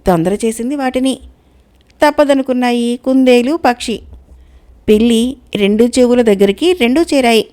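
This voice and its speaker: A woman storyteller giving lively, expressive storybook narration. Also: fairly high pitch, normal speed, pauses often.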